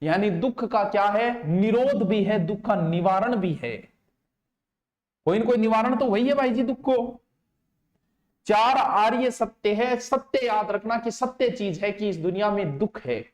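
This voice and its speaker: A man teaching an exam coaching lecture, speaking emphatically and repeating key terms slowly for students to write down. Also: sits high, darkish tone. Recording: roomy echo.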